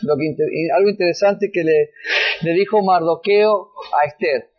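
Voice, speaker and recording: A man preaching a sermon, addressing the congregation and rising in pitch and volume as he reads scripture aloud. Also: moderate pace. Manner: rises in pitch and volume when reading scripture, many restarts. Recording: dull lo-fi sound.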